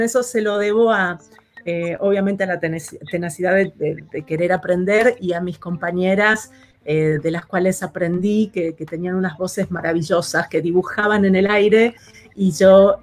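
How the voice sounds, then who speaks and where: A woman from Argentina, an actress, chatting as an interview guest in a thoughtful way, often pausing with fillers. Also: on the low side, steady tone. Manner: thoughtful, many hesitations and fillers. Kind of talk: casual interview chat.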